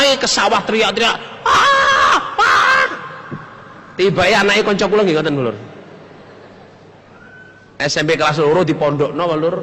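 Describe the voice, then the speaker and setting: An older man with a Javanese accent preaching a lively, joking sermon to a congregation. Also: slight background noise. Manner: lively, jokes and leaps between high and low pitch. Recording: long hall reverb.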